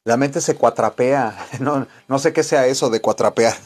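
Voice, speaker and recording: A man with a Mexican Spanish accent teaching an English lesson, rambling and encouraging, slowing down to model example sentences. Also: mid-range voice.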